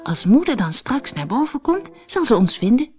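A woman doing a gentle storybook girl who talks softly and earnestly. Her voice sits a little higher than the narration, with an animated melody. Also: normal speed, slightly rough, faint music behind. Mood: hushed. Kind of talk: storybook read-aloud.

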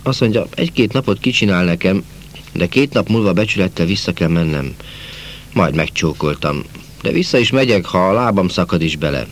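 A jolly young peasant soldier, acted by a man reading a storybook chatters away in a folksy voice. His tone lifts above the reader's deep everyday voice. A faint hiss sits behind it. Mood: cheerful. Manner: lively, folksy, talkative.

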